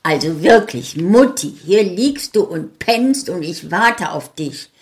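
A woman voicing an exasperated grown son in a short story, loud, brisk and reproachful. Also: on the low side, lively intonation.

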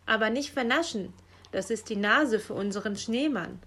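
A woman voicing a cheerful, friendly male fox in a children's story, good-humored and relaxed. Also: a little high, moderate pace.

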